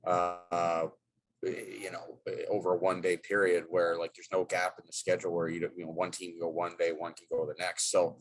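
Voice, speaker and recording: Fielding questions from the press, a middle-aged man who coaches hockey rambles loosely, stopping to restart and leaning on fillers. He has a low voice with flat delivery at a moderate pace, and the audio quality is poor.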